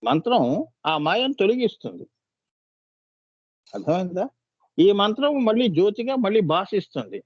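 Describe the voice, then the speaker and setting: A man teaches a devotional discourse in a high voice, turning often to his listeners with coaxing, scolding questions. The sound is close and dry, slightly dull and lo-fi. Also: big pitch swings, brisk, dry recording. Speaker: spiritual teacher.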